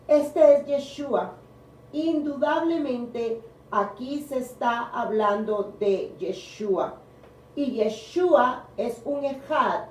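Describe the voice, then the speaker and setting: A woman teaching a congregational Bible study, speaking deliberately and leaning hard on key words, recorded in a meeting room by a distant microphone. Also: fairly high pitch, a little mellow. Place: congregation meeting room, also streamed online. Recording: echoey room picked up from a distance.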